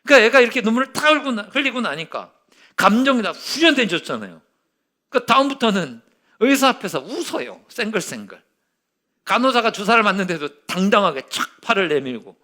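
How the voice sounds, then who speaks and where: Bright-voiced male preacher. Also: sits high, big pitch swings, brisk. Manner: storytelling with acted-out quotes, swinging from hushed to loud. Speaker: pastor. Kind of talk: sermon.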